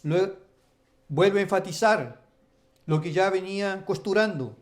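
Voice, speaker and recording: A man's voice: sits high, unhurried. A man, a pastor preaching a sermon with emphatic, repeated lists of phrases.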